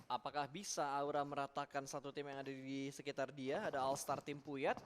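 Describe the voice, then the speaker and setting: A man casting a live esports match in rapid play-by-play, getting loud and excited at big plays. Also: medium pitch, a little hiss or hum. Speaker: esports caster.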